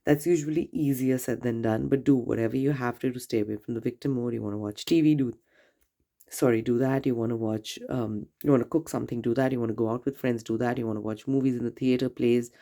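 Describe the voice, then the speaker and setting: A woman giving a tarot reading straight to the viewer, gentle and reassuring, her voice nasal from a cold and congestion. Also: very deep voice, steady tone, fast talker. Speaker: tarot reader. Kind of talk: casual tarot reading to camera.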